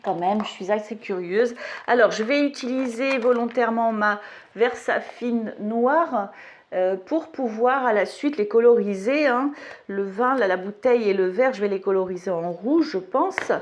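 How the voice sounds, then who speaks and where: A woman's voice: on the high side, normal speed, slight background noise. A woman vlogger chatting casually while showing craft stamps at her home table, rambling with self-mocking asides. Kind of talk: casual product haul and demo.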